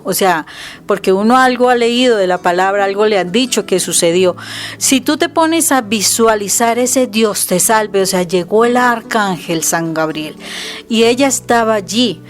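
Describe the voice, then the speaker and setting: Earnest woman explaining prayer. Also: medium pitch. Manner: earnest and explanatory, often quoting scripture. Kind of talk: conversational teaching.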